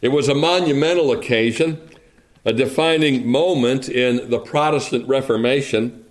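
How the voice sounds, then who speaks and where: A man preaching a sermon, reading scripture aloud and then explaining it in a measured, reflective way with rhetorical asides to the congregation. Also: mid-range voice.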